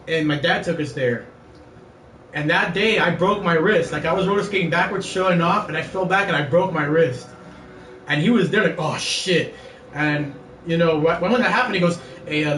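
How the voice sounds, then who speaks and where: A man's voice: fairly high pitch, moderate pace, a bit bright. A young man telling a rambling story while gaming, laughing often and acting out what his friends said. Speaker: gamer telling stories. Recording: roomy, distant, faint ambient noise.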